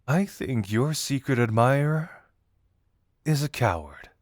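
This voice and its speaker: Man acting Dazai, a teasing, lively flirt. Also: mid-range voice, no echo, clean studio sound. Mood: blunt, dismissive. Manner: teasing, theatrical, drawn-out words. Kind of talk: intimate roleplay audio acting.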